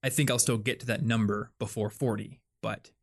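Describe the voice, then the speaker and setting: A man's voice: lowish voice, steady tone, a little fast. Young man chatting about money. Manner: rambling, filler-heavy, thinks aloud. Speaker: podcast host. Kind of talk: casual chat.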